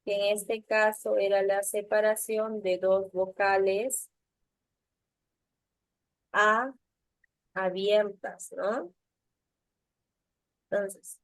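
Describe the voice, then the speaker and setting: Young woman teacher, unhurried, patient, dry close sound, video-call mic, checks in with students constantly. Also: medium pitch, dry recording, rough recording. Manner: patient, checks understanding with frequent tag questions. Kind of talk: online class lesson. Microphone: computer mic on a video call.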